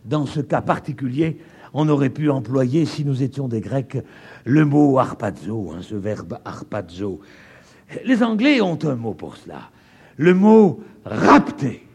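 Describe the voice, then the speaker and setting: A man's voice: big pitch swings, a little slow, gravelly, slightly rough. A man from France preaching a sermon in a French accent, stressing key words emphatically and stretching them out. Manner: emphatic, stretching key words, wide swings in pitch and loudness.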